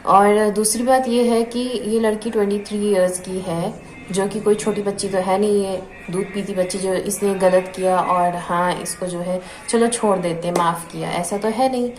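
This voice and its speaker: A woman's voice: medium pitch, fairly even intonation, normal speed, darkish tone. A woman vlogger giving an earnest, indignant opinion, repeating the same filler word often. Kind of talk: opinionated commentary vlog. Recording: echoey room with clear background noise.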